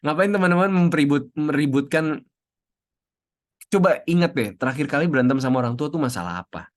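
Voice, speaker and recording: A man's voice: fairly high pitch, expressive, fairly quick. A man giving a casual talk to a group on a video call, chatty, acting out little quotes and mixing in English phrases. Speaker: speaker at an online youth session.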